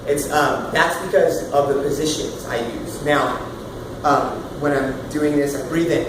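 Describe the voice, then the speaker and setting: A man in his thirties leading a casual singing workshop, loud and animated, swearing now and then and demonstrating sounds as he explains. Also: on the high side, measured pace. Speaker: vocal coach. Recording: roomy, far from the mic, with room noise.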